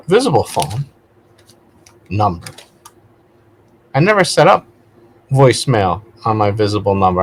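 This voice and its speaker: A mid-range male voice heard over poor audio. He's a vlogger and video host talking casually, straying into asides and revising what he says as he rambles on.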